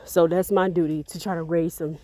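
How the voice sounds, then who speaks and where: A woman tells a long, earnest story about faith and her kids, circling back and repeating words as she goes. Her voice sits fairly low with a mellow, dark tone. She walks outdoors and sounds slightly out of breath. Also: fairly even intonation, fairly quick. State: a bit out of breath. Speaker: parent vlogger. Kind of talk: casual testimony vlog.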